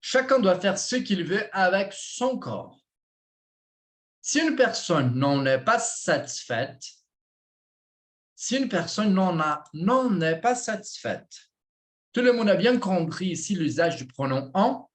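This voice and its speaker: A man's voice: high-pitched, sing-song, slow. A Brazilian man teaching French in a live lesson, speaking Portuguese with a Brazilian accent, patiently repeating words and checking in with his students.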